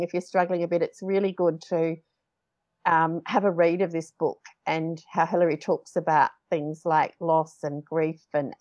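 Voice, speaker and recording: A woman hosts a casual podcast interview. She is chatty, informal and encouraging, at a middling pitch. The recording is a little dull and lo-fi. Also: a little mellow.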